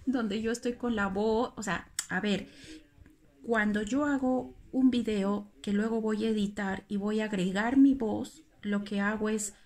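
A woman's voice: a little high, a little mellow. A woman chatting in a home craft vlog, rambling through her explanation and correcting herself as she goes. She laughs at her own mix-ups and keeps her tone casual and conversational. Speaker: craft vlogger.

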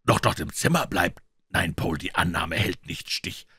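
A man voicing a reserved, skeptical lawyer in a storybook, speaking in a measured way. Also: deep voice, bright, forceful tone, breathy edge, dry recording, studio quality, full character voice. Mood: doubtful. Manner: measured, doubtful. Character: skeptical middle-aged male lawyer, reserved, sober.

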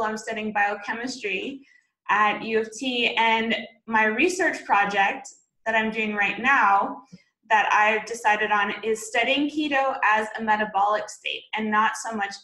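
Bright-voiced young woman on a video call. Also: on the high side, echoey room, rough recording. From Canada. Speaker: podcast guest. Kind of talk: casual interview talk. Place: home room with shelves.

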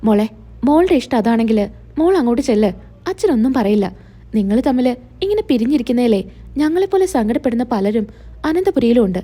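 A woman voicing a gentle, caring older father who speaks reassuringly. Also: fairly high pitch, expressive, quick pace.

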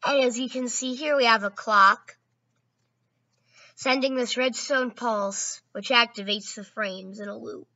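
Woman, gaming host, casual narration, self-correcting, bright voice, muffled lo-fi recording. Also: fairly high pitch, steady tone, a little slow, dry recording. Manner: chatty, corrects herself mid-sentence.

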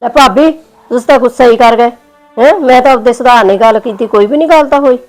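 An actress playing a married sister who protests that nothing is wrong, quick and emphatic. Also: female voice, mid-range voice, darkish tone, faint music behind, close to an everyday voice. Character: married sister Palo, touchy and defensive. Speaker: actor in a family drama. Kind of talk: village family drama acting.

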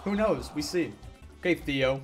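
A young man giving gameplay commentary, ranting and yelling at the game in frustration. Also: on the high side, lively intonation, unhurried, soft background music. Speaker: gaming YouTuber.

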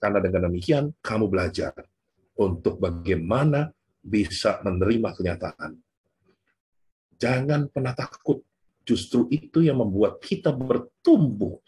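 A man giving a storytelling faith talk to a church youth group, casual and animated, mixing slang into his preaching. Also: on the low side, moderate pace. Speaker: guest speaker at a church youth session.

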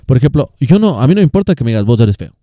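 A young man, co-hosting a casual podcast from a home kitchen, animated and joking. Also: fairly high pitch, racing, no echo, clean studio sound. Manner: animated, joking, keeps saying "loco". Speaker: podcast co-host. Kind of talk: casual chat.

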